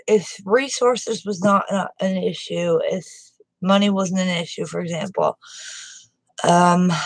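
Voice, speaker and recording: A woman talking casually to camera, out of breath, halting with many fillers and restarts. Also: fairly low pitch, no echo, poor audio. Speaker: vlogger.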